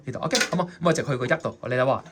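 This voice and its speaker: A man's voice: medium pitch, rapid-fire, background noise. A man with a Hong Kong Cantonese accent, teaching saxophone in a chatty way and often checking in with his students. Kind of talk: explaining a score in a music lesson.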